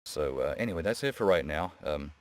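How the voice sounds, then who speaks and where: Casting: man with a very low voice, developer casually talking through his game, hesitant and unscripted. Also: animated, a little fast. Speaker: game developer presenting an update. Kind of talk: casual unscripted screen-share commentary. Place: indoors beside a gaming laptop. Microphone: new microphone near a laptop.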